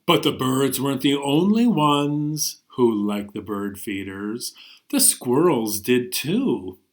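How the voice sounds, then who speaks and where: This children's storytime host, a librarian reader, has a mid-range voice and an animated but slow delivery. He reads and sings to young children with playful expression and bursts of sudden emphasis, mixing lively stories with songs.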